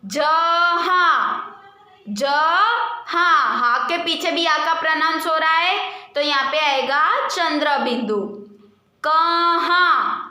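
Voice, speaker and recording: A woman teaching Hindi to young children, slowly drawing out each word and then answering her own questions. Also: high voice, sharp tone, heavy reverb. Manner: slow, patient, drawn-out word repetition; asks questions and answers them herself. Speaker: primary school Hindi teacher. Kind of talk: online lesson for young children.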